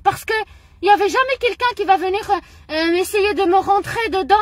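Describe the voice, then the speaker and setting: A middle-aged woman with a high voice speaks straight to her audience in an impassioned monologue. She sounds indignant and emotional, circling back to the same phrases again and again. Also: expressive, a little fast, no echo. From Morocco. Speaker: vlogger.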